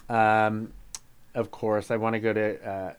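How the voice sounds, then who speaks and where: A middle-aged man chatting as a podcast guest, hesitant and halting with many restarts and fillers. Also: lowish voice, little pitch movement, clear, resonant tone. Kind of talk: casual podcast chat.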